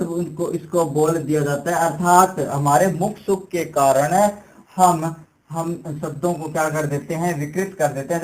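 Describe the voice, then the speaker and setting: Give me a higher-pitched man teaching like a lecturer. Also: a little mellow, low-quality recording. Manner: repetitive, rhetorical questions, explaining step by step. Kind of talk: exam-prep lecture.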